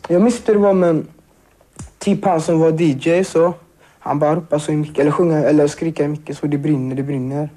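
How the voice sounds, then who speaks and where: A teenage boy recounts a personal ordeal in halting, filler-laden speech. His voice sits a little high but sounds mellow and dark. He restarts often and searches for words. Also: fairly even intonation. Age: teens. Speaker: survivor interviewee. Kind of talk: emotional personal account.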